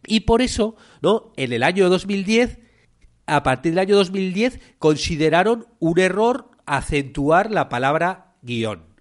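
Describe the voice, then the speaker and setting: A man's voice: high voice, expressive, unhurried. A man hosting a casual solo podcast, rambling and repeating words, filling gaps with eh and ¿no?. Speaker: podcast host.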